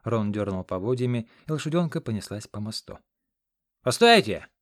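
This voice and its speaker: A man's voice: on the low side, expressive, a little mellow, dry recording. Man reading a fantasy audiobook, dry sound. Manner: dramatic, measured reading. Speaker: audiobook narrator. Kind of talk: first-person audiobook narration. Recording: dry close studio sound.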